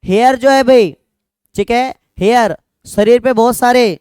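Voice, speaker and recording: A young male teacher with a smooth, resonant voice talks a classroom through a lesson. He is conversational and repeats his checks again and again. He jokes with the students now and then. The sound is dry and close. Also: very high voice, a little slow, darkish tone, no room sound. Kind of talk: classroom lecture.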